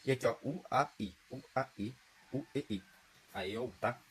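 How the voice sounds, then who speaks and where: A man's voice: mid-range voice, moderate pace, breathy edge, low-quality recording. A man from Brazil, giving a casual grammar lesson, chatty and informal, often checking in with the listener. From southern Brazil. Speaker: teacher.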